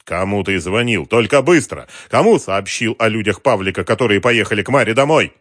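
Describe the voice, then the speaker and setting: A man voicing a hard, commanding detective who interrogates in loud, clipped commands. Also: lowish voice, expressive, fairly quick, no echo, studio quality. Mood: forceful.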